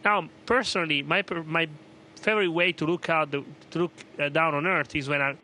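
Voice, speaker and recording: A man speaking as an astronaut, explaining things casually in a halting, repetitive way. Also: fairly high pitch, fairly even intonation, pushed and bright. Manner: halting, with repeated phrases. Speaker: astronaut being interviewed. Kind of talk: casual explanatory interview answers. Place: aboard a space station. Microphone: handheld microphone. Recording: faint equipment hum.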